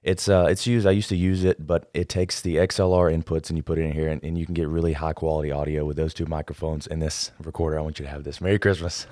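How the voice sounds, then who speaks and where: A man hosting a casual podcast interview in a studio, energetic and encouraging, talking in quick bursts. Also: a bass voice, no room sound. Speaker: podcast host. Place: podcast studio, in person with guest. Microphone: studio microphone.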